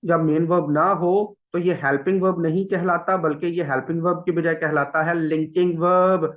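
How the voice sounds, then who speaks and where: A man teaching an English test class, explaining slowly and repeating words for students to copy. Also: fairly high pitch, steady tone. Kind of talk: classroom lecture. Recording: phone-like thin sound.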